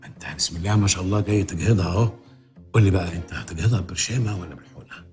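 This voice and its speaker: An actor playing a scheming, persuasive fixer in a comedy series, talking fast and conspiratorially. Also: male voice, low-pitched, darkish tone, faint music behind. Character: scheming fast-talking fixer, always smoothing over trouble. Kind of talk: TV comedy drama acting.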